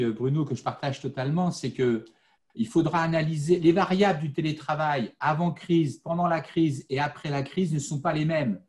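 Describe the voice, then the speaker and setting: A man from the Vosges talks through his point on a panel discussion. His voice sits high for a man, and he explains in a measured, deliberate way, often pausing on fillers. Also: darkish tone. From France, Vosges. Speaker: panel speaker.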